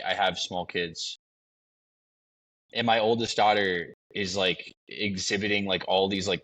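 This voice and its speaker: A man in his thirties hosts a podcast, enthusiastic and casual, packing his speech with "like". His voice is fairly low but bright and forward. He sounds keen and engaged throughout. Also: rough recording. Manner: enthusiastic, many "like" fillers. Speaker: podcast host.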